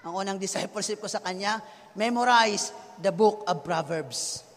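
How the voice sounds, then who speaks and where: A Filipino man in his thirties preaching a sermon, mixing Tagalog and English, dropping to hushed tones and then rising to shouts. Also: high-pitched, normal speed, creaky. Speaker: pastor. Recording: long hall reverb.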